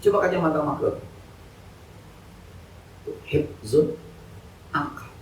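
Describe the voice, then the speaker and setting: Preacher in an echoey mosque hall. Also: male voice, a little high, slow, slight background noise. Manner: joking, colloquial, lively street slang. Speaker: ustadz giving an Islamic study lecture. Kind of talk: casual evening sermon. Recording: echoey hall, mic from a distance.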